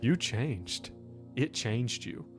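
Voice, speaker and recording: The host and runner of a tabletop game podcast trades teasing, profane banter with his friends. His voice is medium-pitched and he draws out his words, with faint music playing behind him.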